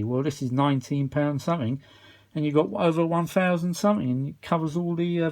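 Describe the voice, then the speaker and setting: A vintage audio repair vlogger chats casually and unscripted in his workshop, rambling along with a mildly weary grumble. His voice is mid-range and a little mellow.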